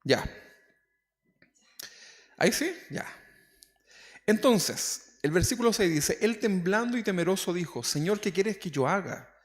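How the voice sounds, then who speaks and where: Speaking in a high, animated voice, this Chilean man delivers a sermon as pastor, unhurried and pausing often. His tone with the congregation is conversational, and he regularly puts questions to them. Long reverb from the church hall fills the recording.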